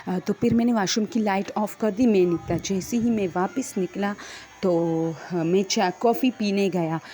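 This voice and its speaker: A woman narrates a horror story in the first person with a mellow, darker tone. She talks hesitantly and reflectively, often pausing on fillers and restarting her sentences. Her pitch sits in an ordinary middle range.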